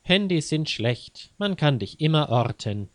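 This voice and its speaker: A paranoid, secretive woman of a storybook, as a male reader puts her on, insisting in a slow, deliberate, conspiratorial way that spies are everywhere. The voice is close and dry, with no room sound at all. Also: a little high, very animated, no room sound. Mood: warning. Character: paranoid secretive woman distrusting spy agencies.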